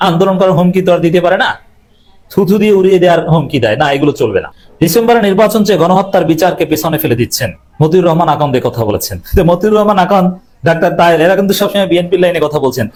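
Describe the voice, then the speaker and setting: A man's voice: a little high, a little mellow. A man delivering emphatic political commentary, repeating slogans and adding scornful asides with English phrases mixed in. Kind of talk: fast political commentary monologue.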